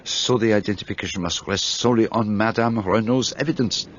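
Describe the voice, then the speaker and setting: On a dull, lo-fi radio play recording with faint hiss, an older man portrays a fussy, self-assured elderly Belgian detective, using a French-tinged Belgian accent to explain his deductions with theatrical precision. His voice is fairly low and natural, his pace a little fast.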